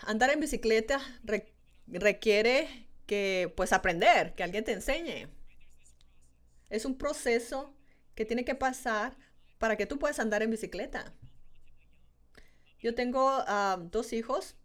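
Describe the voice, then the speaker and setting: A woman with a fairly high voice delivers a sermon. She talks to the congregation as if in conversation and repeats her key lines to drive them home. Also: lively intonation, a little slow, long pauses. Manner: repeats phrases for emphasis. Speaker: preacher.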